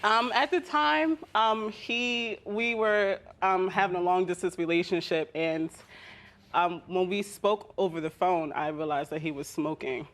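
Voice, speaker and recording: A young woman in her twenties testifies in a TV court with a whiny, complaining manner. She explains herself hesitantly and haltingly as a litigant. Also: on the low side, a bit bright. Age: 20s. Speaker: litigant complaining about partner in a TV court show.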